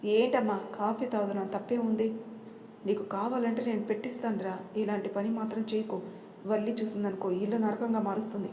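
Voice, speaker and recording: A woman's voice: medium pitch, fairly even intonation, brisk, dark tone, reverberant, a little hiss or hum, close to an everyday voice. A woman voicing a scolding mother-in-law. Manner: scolding, anxious. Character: angry scheming middle-aged mother-in-law.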